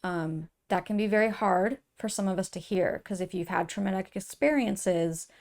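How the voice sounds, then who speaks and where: A woman giving an earnest, emotional tarot reading to her viewers, soft-spoken, with many fillers and restarts. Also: medium pitch, moderate pace, creaky. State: tearful at times. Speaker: tarot reader. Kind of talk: intuitive tarot reading to camera.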